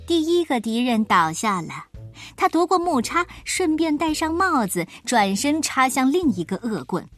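A woman narrating a children's storybook with expressive, lively delivery. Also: high-pitched, normal speed, soft background music.

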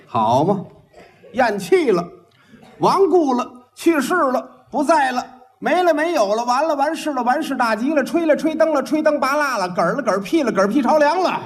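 A man's voice: very high voice, very animated, moderate pace, background noise. A man performing xiangsheng crosstalk as the lead comic. He rattles off long rhythmic patter lists and acts out scenes with mimicked sounds.

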